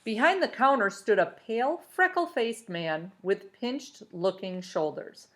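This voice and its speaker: A woman reads a children's novel aloud with expressive storytelling flair. Her pitch is medium and her pace measured.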